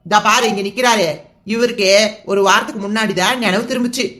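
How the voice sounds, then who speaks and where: A woman's voice: mid-range voice, fast talker, fairly bright tone, natural voice. A woman voicing a fussy grey-haired village man in a cartoon serial, grumbling and flustered in rural banter. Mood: fretful. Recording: music bed under voice.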